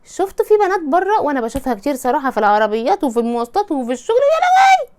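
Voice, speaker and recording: A woman with an Egyptian accent talks fast in a high voice, giving casual advice. She is chatty and keeps slipping into playful mock voices to act out small scenes. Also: expressive, noisy background. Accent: Egyptian Arabic. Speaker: advice presenter.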